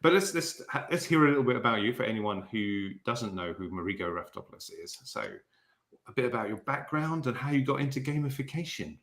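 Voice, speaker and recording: A man's voice: medium pitch, animated, a little fast, fairly bright tone, roomy sound. A man hosting an interview, enthusiastic and stumbling a little. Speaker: interview host, conference chair.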